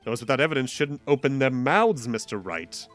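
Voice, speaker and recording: A man's voice: medium pitch, animated, moderate pace, a bit bright, faint music behind, close to an everyday voice. Brief: a man playing a haughty prosecutor, dry and dismissive. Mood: smug.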